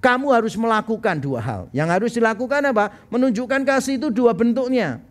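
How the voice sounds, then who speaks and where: A man's voice: extremely high pitch, animated, brisk. A male pastor preaching a sermon at a live-streamed church service in a conversational style, sometimes acting out the people he quotes.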